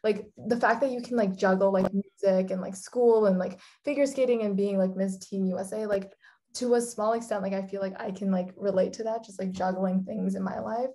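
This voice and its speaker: A woman's voice: mid-range voice, fairly even intonation, a little fast, dark tone. A young woman from Singapore co-hosting over a video call, enthusiastic and leaning on casual fillers. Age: young adult. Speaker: co-host. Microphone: laptop webcam on video call.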